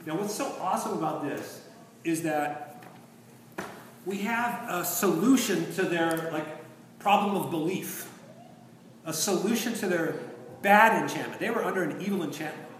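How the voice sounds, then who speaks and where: A man's voice: normal speed, pauses often. Man lecturing in an echoey room. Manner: conversational, musing, trailing off into low asides. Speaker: teacher. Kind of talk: lecture on literature and faith. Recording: echoey room, distant mic, faint noise.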